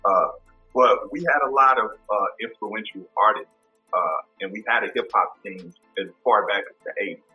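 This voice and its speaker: A man in his fifties from Kansas City, Missouri, speaking as a guest in a casual interview in a relaxed, reflective way, often repeating words as he thinks. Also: lowish voice, normal speed, muffled recording, soft background music. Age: 50s. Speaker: podcast host as guest.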